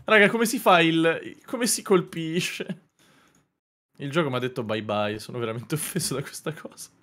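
A man playing along as a guest on a live gaming stream, excitable, swearing often and yelping in panic. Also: on the high side, normal speed. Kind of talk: casual gaming chat on a livestream.

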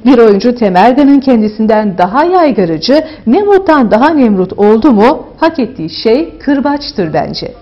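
Brief: woman, diction reading drill, husky voice, lively intonation, dull lo-fi sound with faint music. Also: a little high, normal speed, hardly any pauses.

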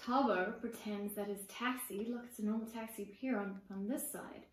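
A woman in her forties with a South African accent, who writes and reads children's books, reads a picture book aloud with expression and puts questions to young listeners. Her mid-range voice keeps a moderate pace, picked up from a distance with roomy echo in a room with bookshelves and plants.

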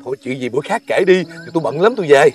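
A man's voice: on the high side, big pitch swings, breathy edge, faint music behind, heavily acted. An actor playing a busy village father who keeps brushing people off, in a TV folk-tale drama. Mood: impatient. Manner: hurried, brushing off, dismissive. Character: busy, impatient village father, middle-aged man.

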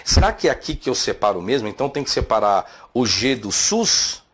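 A man's voice: mid-range voice, sing-song, brisk, fairly bright tone. A man teaching theology, rebutting a video with emphatic rhetorical questions.

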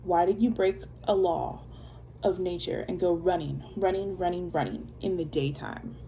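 A woman voicing a solemn male lion king who recites a chain of blame in a measured way. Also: on the low side, steady tone, dark tone, slight background noise, close to an everyday voice, poor audio.

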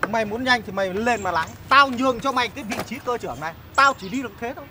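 A man's voice: extremely high pitch, lively intonation, very fast. A man playing a rude, teasing motorbike taxi driver in a comedy sketch. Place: outdoors on a city street. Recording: street noise outdoors.

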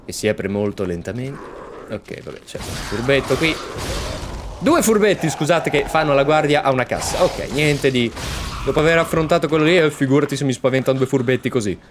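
A man hosting a let's-play, excitedly commenting on his game and chatting to viewers. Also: medium pitch, a little fast, background noise. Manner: excitable, exclaims often, talks to viewers. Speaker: gaming channel host.

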